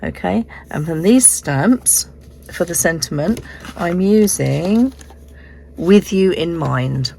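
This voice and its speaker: A middle-aged woman with a hoarse, croaky frog voice, recovering from illness, explaining a craft step by step in a casual, unhurried way. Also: on the low side, animated, warm tone, a little hiss or hum. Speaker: host of a card-making tutorial. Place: indoors at a craft desk.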